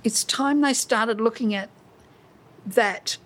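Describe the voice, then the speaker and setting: Middle-aged woman, higher-pitched voice. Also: takes it slowly. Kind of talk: conversational interview discussion.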